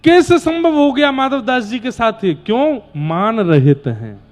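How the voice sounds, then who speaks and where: A man's voice: very high voice, big pitch swings, measured pace. A man giving a fervent devotional discourse, telling sacred stories and urging listeners to give up pride. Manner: fervent, exhorting, storytelling. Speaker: religious storyteller. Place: live religious gathering.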